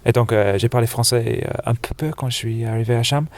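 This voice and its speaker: A man from England with an English accent tinged with American, speaking as an interview guest in a relaxed, hesitant way with many fillers. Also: medium pitch, brisk, no room sound. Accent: English with a slight American touch, speaking French. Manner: hesitant, many "euh" fillers, laughs easily. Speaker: interview guest, snowboard shop buyer. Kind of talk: casual interview chat. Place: sofa in a dark exhibition hall.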